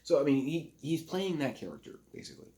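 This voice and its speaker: A man casually recapping a movie plot for a review, rambling and halting, with frequent fillers and self-corrections. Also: mid-range voice, very animated, warm tone, a little hiss or hum.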